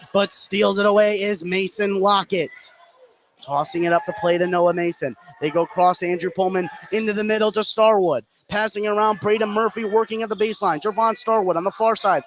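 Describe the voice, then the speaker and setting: This play-by-play announcer has a high, fairly bright voice as he covers a basketball game on live radio. Following every move, he gets louder on the big plays, with the noise of the gym filling the background.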